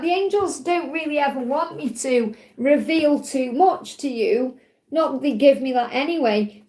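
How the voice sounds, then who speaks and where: A woman's voice: high voice, a little mellow. A woman with a Stoke-on-Trent accent, giving a casual, reassuring live card reading to viewers. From Stoke-on-Trent, England. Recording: roomy, echoey sound.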